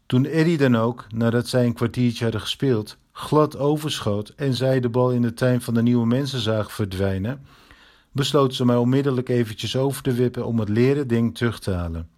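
Male storybook narrator, steady measured delivery, mid pitch. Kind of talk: storybook reading.

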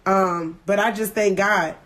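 A woman leads a devotional livestream with a mid-range voice. She reads scripture in a slow, deliberate cadence, then talks in quick, animated asides. It sounds like a phone stream. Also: medium pitch. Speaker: podcast host leading a devotional livestream. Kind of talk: scripture reading with devotional talk.

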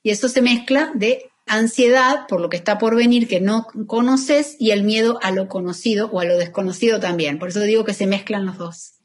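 Calm woman therapist guiding breathing. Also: medium pitch. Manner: calm, soothing, slowing down for guided phrases. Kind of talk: guiding a breathing exercise in an interview.

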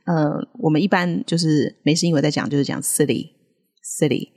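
A woman co-hosting a casual podcast lesson, modelling English words slowly between frequent laughs. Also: low voice, fairly even intonation, darkish tone. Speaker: podcast co-host teaching English accents. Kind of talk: casual language-lesson chat.

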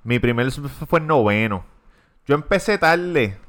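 Young Puerto Rican male podcast host, smooth clear tone, profane storyteller. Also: medium pitch, lively intonation, moderate pace, a bit bright. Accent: Puerto Rican Spanish. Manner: storytelling, swears freely, laughs often. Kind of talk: casual podcast chat.

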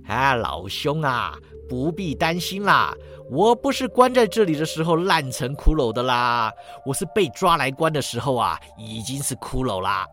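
A man's voice: medium pitch, big pitch swings, normal speed, few pauses, bright, forceful tone, soft background music. A man voicing a cheeky old male skeleton necromancer who wheedles and argues, in a storybook reading. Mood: chummy. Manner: wheedling, self-pitying, argumentative.

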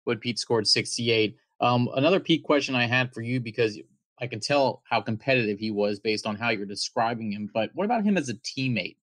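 A man's voice: mid-range voice, brisk, a bit bright, no room sound. A man hosting an interview, earnestly asking long, wordy questions. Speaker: interviewer, host. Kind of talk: podcast interview.

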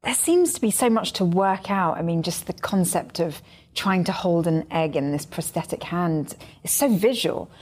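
A woman's voice: lowish voice, lively intonation, moderate pace, darkish tone, breathy edge. A woman hosting a science chat, eagerly explaining how things work and asking questions. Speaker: host. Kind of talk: conversational radio chat.

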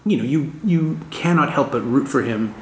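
A man's voice: mid-range voice, animated, normal speed, a little mellow. A man discussing a film character casually and analytically, building his points in lists. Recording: roomy with faint ambience.

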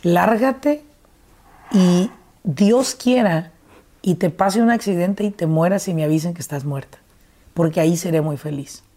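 A woman's voice: fairly low pitch, fairly even intonation, fairly quick, warm tone. A woman from Mexico with a Mexican accent hosting an interview, earnest and reflective as she shares her own story. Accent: Mexican Spanish. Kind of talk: conversational interview and personal story.

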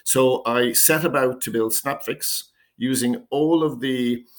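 A man who founded a company, answering interview questions in a steady, measured way with occasional repeated words. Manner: measured pitch, repeats words when starting phrases.

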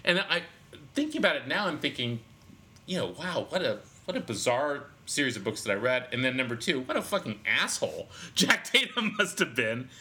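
A man's voice: medium pitch, very animated, fairly quick, sharp tone. A man co-hosting a podcast, telling a rambling, self-deprecating story in casual chat. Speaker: podcast co-host.

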